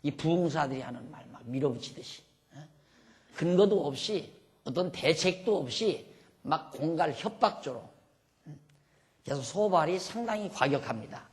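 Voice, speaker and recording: A man teaching a Bible study lecture to a class, lively and acting out the speakers in the text. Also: on the high side, moderate pace.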